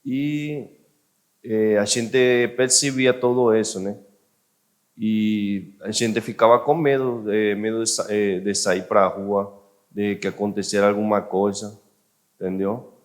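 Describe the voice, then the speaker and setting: Man, Venezuelan Spanish accent, low voice, hesitant testimony, many fillers. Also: steady tone, slow. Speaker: guest speaker. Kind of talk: personal testimony.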